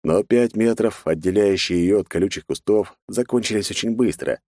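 A man's voice: lowish voice, moderate pace, mellow, no room sound, studio quality. A man narrating a first-person fantasy audiobook with a wry inner monologue.

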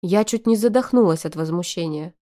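A woman reading a first-person novel aloud in a lively, sarcastic manner. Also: lowish voice, brisk. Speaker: audiobook narrator.

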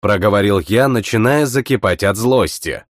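A man reading a first-person fantasy audiobook in an expressive way, playing every character himself. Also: lowish voice, moderate pace, dry recording, studio quality. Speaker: audiobook narrator.

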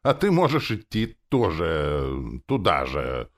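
A man's voice: a bass voice, wildly swooping pitch, slow, heavily acted. A man voicing a foul-mouthed, sulky female demon who snaps and grumbles, read aloud in an audiobook. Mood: snapping. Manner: swearing, snapping, grumbling.

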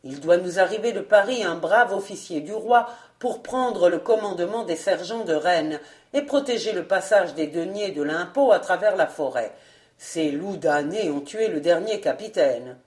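A woman's voice: fairly low pitch, animated, normal speed, a little mellow, close to an everyday voice. A woman voicing an embarrassed older man, a château steward, who speaks cautiously and with hesitation. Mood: uneasy.

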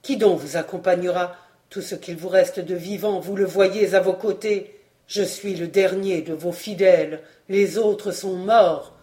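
An audiobook reader voicing a wounded, loyal old male master-at-arms, grave and measured. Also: medium pitch, fairly even intonation, mellow, natural voice. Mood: somber. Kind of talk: audiobook reading.

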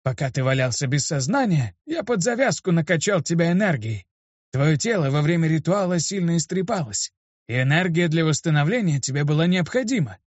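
A man doing a creaky old grumpy mage. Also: a little high, lively intonation, a little fast, dry recording, voice pushed up. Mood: lecturing. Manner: gruff, scolding. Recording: dull lo-fi dry recording.

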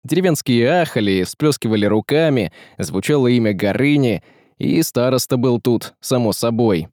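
A man's voice: mid-range voice, expressive, moderate pace, darkish tone, no room sound, clean studio sound. A man narrating a story as an audiobook reader, telling it expressively and voicing each character. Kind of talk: scripted narration.

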